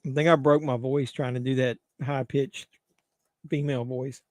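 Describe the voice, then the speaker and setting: A man's voice: mid-range voice, level tone, moderate pace, no echo. A middle-aged man hosting a casual movie watch-along stream, bantering crudely with his chat from home. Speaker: livestream host.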